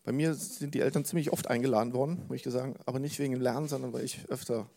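A male pastor giving a sermon in a relaxed, storytelling way, often asking the congregation questions. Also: medium pitch, very fast. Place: church service.

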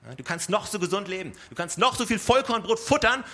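A man delivers a sermon in a relaxed, conversational tone. His voice sits a little high and sounds bright and forward. He keeps turning to the listeners with direct rhetorical questions. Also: fast talker. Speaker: pastor.

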